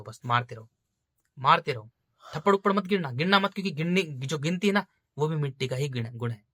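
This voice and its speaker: A man's voice: fairly high pitch, sharp tone, dry recording, studio quality. A man giving informal spiritual preaching, urging his listeners again and again and calling them brothers. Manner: insistent, repetitive exhortation. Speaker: spiritual speaker.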